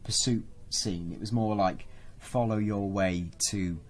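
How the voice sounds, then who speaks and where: Low-voiced man, enthusiastic co-host. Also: unhurried. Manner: enthusiastic, descriptive, many fillers. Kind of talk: casual podcast chat.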